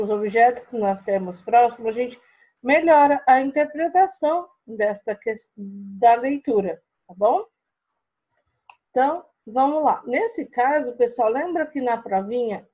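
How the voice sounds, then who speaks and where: A Brazilian woman teaches primary school pupils in a recorded online lesson. She speaks slowly and expressively in a fairly high voice, often checking that her students are following. The recording sounds dull and lo-fi. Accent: Brazilian Portuguese.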